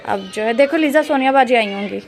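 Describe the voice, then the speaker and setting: Brief: young woman, family vlogger, fairly high voice, chatty and teasing, phone recording with faint room noise. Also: quick pace. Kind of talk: casual vlog chat. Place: home and rooftop, outdoors at times.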